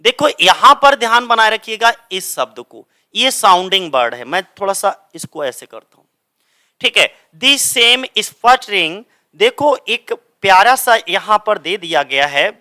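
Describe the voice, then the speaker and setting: Young guy teaching english lit, high bright voice, keeps quizzing himself. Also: big pitch swings, moderate pace. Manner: explanatory, asks and answers own questions. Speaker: English literature coaching teacher. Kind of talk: classroom explanation of grammar.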